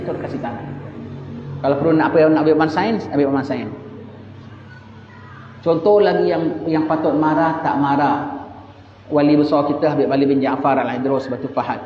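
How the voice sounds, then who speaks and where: A man giving a sermon, telling stories lively and acting out the voices of the people in them. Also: on the high side. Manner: lively storytelling, acts out dialogue in shifted voices. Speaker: religious teacher. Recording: echoey hall, dull lo-fi sound with faint hiss.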